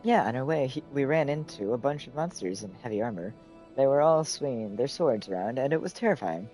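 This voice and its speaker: A man voicing an excitable young boy in a video game, who talks eagerly and pleads to tag along. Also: medium pitch, a little fast, faint music behind, natural voice, poor audio.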